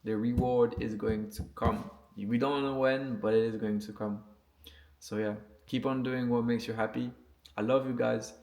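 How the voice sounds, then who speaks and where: A mid-range, darkish male voice with fairly even intonation and a moderate pace. A non-native English speaker, this vlogger and music producer chats spontaneously to camera in an earnest, slangy, sweary style, checking in often.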